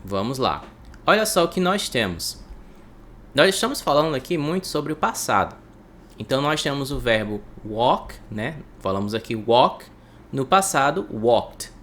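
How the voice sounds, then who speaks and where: A man gives an English lesson in Portuguese, drilling each word slowly and repeating it for his students. His pitch swings widely as he stresses words. A faint noise sits under the recording. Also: very animated, a bit bright. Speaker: English teacher.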